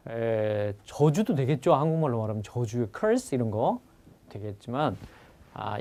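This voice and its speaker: A man's voice: medium pitch, darkish tone. A man teaching an exam-prep vocabulary lecture who keeps asking his students questions and repeats each key word.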